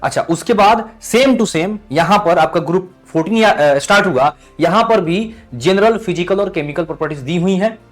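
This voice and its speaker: A man's voice: high-pitched, moderate pace, few pauses, soft background music. A male chemistry teacher giving an exam-prep lesson, calling students "beta" and checking in with "thik hai?" after each point.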